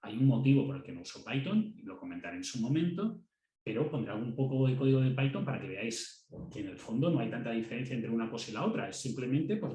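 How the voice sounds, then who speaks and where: A university lecturer with a Castilian Spanish accent teaches a class conversationally, repeating words as he thinks and checking in with his students. His mid-range voice is mellow, and the recording is reverberant and low in quality.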